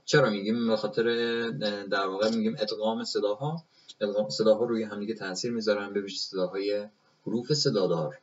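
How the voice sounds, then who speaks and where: Man, English teacher, very low voice, dull lo-fi sound, patient halting explanations. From Iran. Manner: explains slowly, repeating examples with many fillers. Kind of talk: live Q&A lesson.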